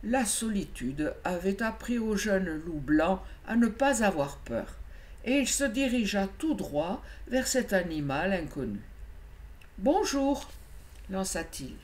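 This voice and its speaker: A woman reading a children's picture book aloud with expressive storytelling. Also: medium pitch, unhurried.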